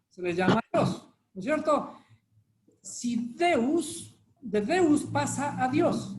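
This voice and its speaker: A man teaching a live Bible study class, constantly quizzing his listeners with rhetorical questions. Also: very high voice. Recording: echoey room with faint noise.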